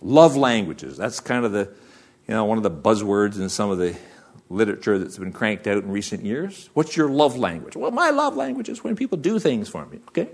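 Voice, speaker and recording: A man's voice: fairly low pitch, big pitch swings, a little fast, breathy edge. A man preaching a sermon as pastor, asking the congregation rhetorical questions.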